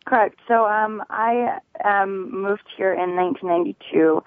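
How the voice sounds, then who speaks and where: A woman in her thirties from Connecticut, speaking haltingly and conversationally as a guest in a radio interview. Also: medium pitch, dry recording. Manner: hesitant, halting delivery. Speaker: real estate agent, interview guest. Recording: tinny telephone line.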